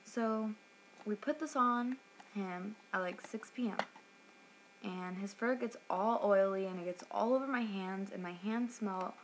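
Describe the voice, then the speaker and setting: A woman's voice: fairly high pitch, fairly bright tone, a little hiss or hum. Upset, sarcastic young woman ranting. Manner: upset, swearing, sarcastic storytelling. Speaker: product reviewer. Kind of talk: casual review rant.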